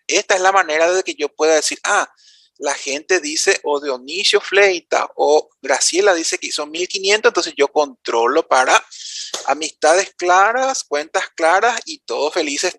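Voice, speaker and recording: Speaking in a conference room, a Paraguayan-accented man explains his material step by step, casually addressing the audience head-on. The recording is dry, and his slightly high voice has a touch of brightness.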